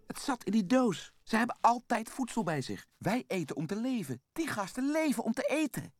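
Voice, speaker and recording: An actor playing a fast-talking, scheming male raccoon hustler in a Dutch cartoon dub, excitable and persuasive. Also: very high voice, no room sound, clean studio sound, heavily acted.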